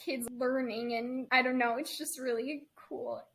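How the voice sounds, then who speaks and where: A young woman in her early twenties with a high, bright voice, co-hosting a podcast. She chats casually and likes playful teasing. She keeps the talk light and quick to joke. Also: fairly even intonation, gravelly. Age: early 20s. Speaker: podcast co-host. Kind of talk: casual chat.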